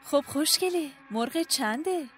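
A woman's voice: high-pitched, animated, fairly bright tone, soft background music. A woman voicing a wealthy, flirtatious housewife who talks in a sugary, coaxing voice. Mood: coaxing flirt. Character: rich flirtatious housewife, coy and fickle.

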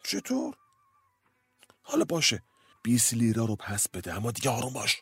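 A man voicing a naked lover hiding in a wardrobe, flustered and pleading for quiet. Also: mid-range voice, huge pitch swings, husky, dry recording, exaggerated voice.

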